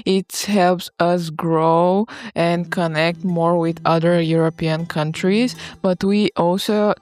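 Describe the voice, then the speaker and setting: A young woman from Bulgaria, reading a scripted statement slowly and deliberately. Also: on the low side, fairly even intonation, darkish tone.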